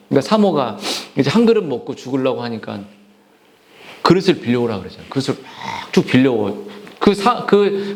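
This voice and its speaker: A male pastor preaching an impassioned sermon, repeating phrases and often breaking off mid-word as he presses his congregation. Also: mid-range voice. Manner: restarts and trails off mid-word.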